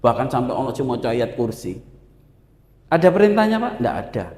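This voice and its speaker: Male preacher, lively, echoey mosque hall. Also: mid-range voice, brisk. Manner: lively, addresses listeners as "Pak" often. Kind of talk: casual religious talk.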